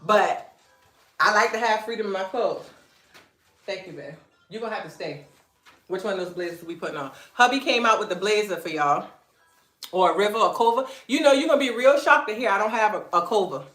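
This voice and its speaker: A brisk, mid-range woman's voice with a Gullah Geechee accent, from Beaufort, South Carolina, USA. She owns a clothing brand and hosts a casual fashion live stream from home, animated and chatty, teasing her husband between points. The room sounds echoey.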